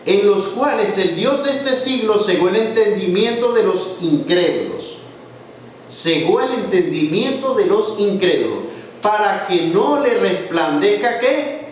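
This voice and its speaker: A man's voice: high voice, lively intonation, unhurried. A man preaching a sermon, reading scripture aloud and explaining it, asking questions for the congregation to answer. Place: church hall. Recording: echoey hall, from far off, faint noise.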